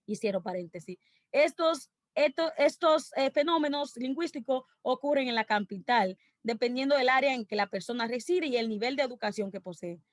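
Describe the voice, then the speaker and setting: A woman's voice: high voice, fairly quick, dry recording. A woman with a Dominican accent presenting an academic conference talk over a video call, explaining her points through lists of examples. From Dominican Republic.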